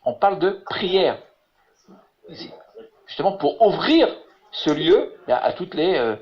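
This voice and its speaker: A man teaching Hebrew in an online lesson over a video call. He talks haltingly, repeating words and filling with "voilà". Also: fairly high pitch, very animated. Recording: muffled lo-fi web call audio.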